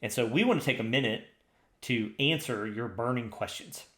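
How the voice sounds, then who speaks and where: A man's voice: mid-range voice, moderate pace, a bit bright, a little hiss or hum. A man co-hosting a podcast, chatting casually and enthusiastically, rambling with frequent restarts. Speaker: podcast co-host. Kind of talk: casual chat. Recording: roomy echo.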